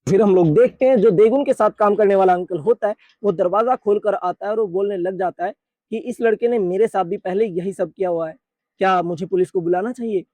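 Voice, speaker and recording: High-voiced man narrating a comic recap. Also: fairly quick, mellow, no room sound. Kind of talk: storytelling recap.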